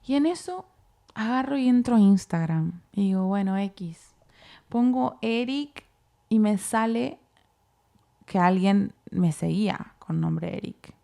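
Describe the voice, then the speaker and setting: A Uruguayan woman co-hosts a casual chat and tells her testimony with lively energy, voicing her own thoughts as she goes. Her voice has a gravelly fry running through it at a middling pitch. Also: unhurried. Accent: Uruguayan Spanish. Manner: animated, acts out her own inner dialogue. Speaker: co-host.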